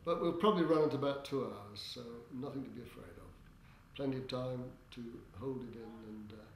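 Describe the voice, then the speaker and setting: An older man answering interview questions as a theatre director, in a hesitant, halting way with droll, tongue-in-cheek humour. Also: medium pitch. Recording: echoey room with background noise.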